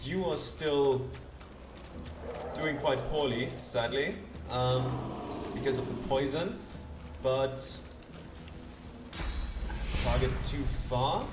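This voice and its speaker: A man's voice: mid-range voice, slow pace, long pauses, noisy background. A man hosting a let's play with casual commentary, thinking aloud and talking to the game's characters. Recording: roomy distant voice under loud game music.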